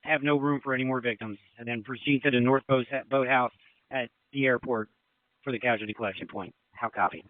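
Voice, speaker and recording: A man acting as incident commander, giving brisk, directive orders over a marine radio channel. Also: mid-range voice, steady tone, no echo, narrow, tinny audio. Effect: marine radio transmission. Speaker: river branch incident commander. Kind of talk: emergency radio dispatch.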